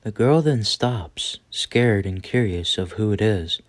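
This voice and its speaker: A man's voice: lowish voice, animated, slow, dry recording. A man narrating a scripted horror story as its storyteller.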